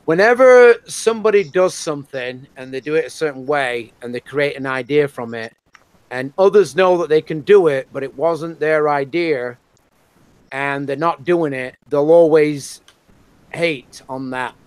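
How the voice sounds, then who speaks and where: A man's voice: fairly high pitch, unhurried, smooth, dry recording, poor audio. Chatty man with mixed British-American accent. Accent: British with American twang. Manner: rambling, animated, many fillers. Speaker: live stream host. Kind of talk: casual live stream chat.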